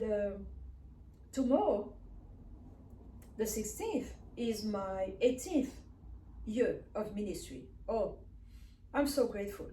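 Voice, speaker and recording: An earnest woman minister from Africa, whose first language is Swahili, gives a personal testimony sermon in a medium-pitched, dark-toned voice. She speaks emphatically and repeats phrases, recorded in an echoey room on a distant mic with faint hiss.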